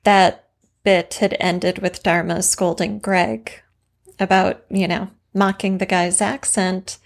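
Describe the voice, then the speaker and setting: A woman co-hosting a casual podcast conversation. Her voice carries a gravelly fry. She explains thoughtfully, working through examples. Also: medium pitch, level tone, slow. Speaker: podcast co-host. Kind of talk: casual craft discussion.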